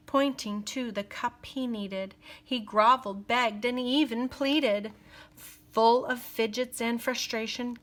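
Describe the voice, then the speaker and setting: A woman reads aloud from a children's picture book, her voice on the high side, taking an expressive and measured storytelling approach.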